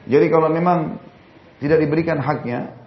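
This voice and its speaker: A man's voice: fairly high pitch, moderate pace. Male preacher with a dull recording. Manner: jokey, asks rhetorical questions. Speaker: Islamic preacher answering questions. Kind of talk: religious Q&A lecture. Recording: dull recording, faint crowd and noise.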